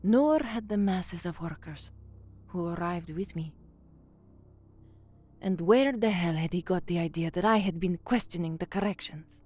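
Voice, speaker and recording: An actress with a lowish, warm voice narrates in the first person at a measured pace in an audio drama. She plays an anxious, frank young working-class woman training as a newsreader, and her mood comes across as guarded.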